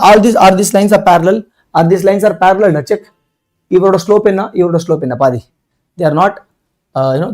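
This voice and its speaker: Male maths tutor, Tamil Indian accent, very fast and high-voiced, keeps quizzing the class as he explains. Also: darkish tone. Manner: repeatedly questioning, checking understanding. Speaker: maths teacher. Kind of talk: exam-prep lesson mixing Tamil and English.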